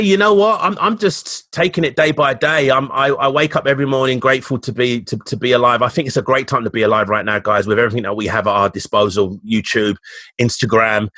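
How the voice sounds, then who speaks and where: A man's voice: mid-range voice, pushed and bright, no room sound. A man from London's East End with a Cockney accent, a fitness coach talking as a podcast guest in an upbeat, motivational way, often restarting his sentences. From East End of London, England. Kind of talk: casual interview talk.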